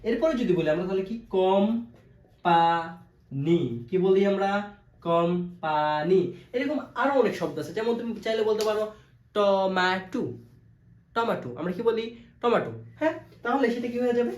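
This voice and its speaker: Rapid-fire and animated, a high-voiced man with a darkish tone teaches English in a classroom-style video lesson. He asks and answers his own questions and repeats each key term; the recording has room echo and faint background noise.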